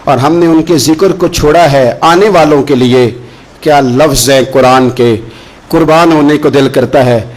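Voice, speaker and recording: A male preacher telling a religious story with passion, slowing into chanted recitation of verses. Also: fairly high pitch, low-quality recording. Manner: impassioned, slow chanted Quran recitation between stories. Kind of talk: Urdu sermon storytelling.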